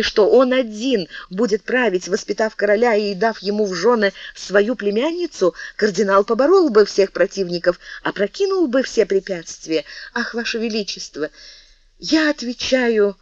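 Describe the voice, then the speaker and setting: A woman's voice: low voice, a bit bright, no room sound, lo-fi sound, exaggerated voice. Reader voicing Maria Mancini, a passionate young woman. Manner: impassioned, pleading, rising to exclamations. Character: young woman, passionate, pleading royal sweetheart.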